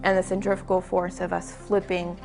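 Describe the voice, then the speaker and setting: A woman's voice: fairly low pitch, little pitch movement, fairly quick, gravelly, a little mellow, faint music behind. A woman in her twenties, speaking candidly in a conversational interview. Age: 20s. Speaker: patient interviewee.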